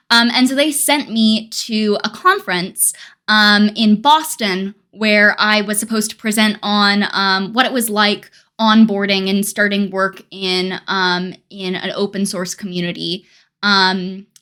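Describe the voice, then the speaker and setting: A woman's voice: mid-range voice, unhurried, bright, forceful tone, clean tone. A young adult woman chatting casually on a live stream, rambling with dry, self-mocking humor and frequent laughs.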